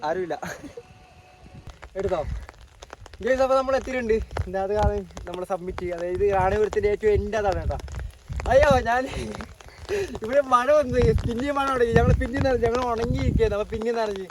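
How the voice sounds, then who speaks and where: High-voiced excitable man vlogging outdoors. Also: a little fast, long pauses. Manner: excitable, exclaims often. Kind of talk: casual travel vlog commentary to viewers. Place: rainy hilltop outdoors. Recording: outdoor noise of rain and wind.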